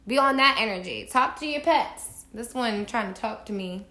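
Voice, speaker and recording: A woman with a bright, fairly high voice talks straight to her viewers from home, giving emphatic spiritual advice in a preachy tone. She swears casually as she goes, and the room around her is echoey. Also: animated, moderate pace. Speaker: astrology vlogger. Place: indoors at home.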